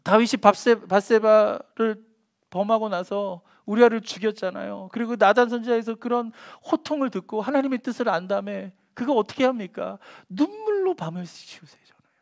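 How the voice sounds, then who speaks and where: A man with a notably high voice preaches a sermon as a pastor. He shifts between soft, near-whispered lines and loud, forceful emphasis. He also voices quoted taunts in a sneering tone. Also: steady tone, normal speed, creaky.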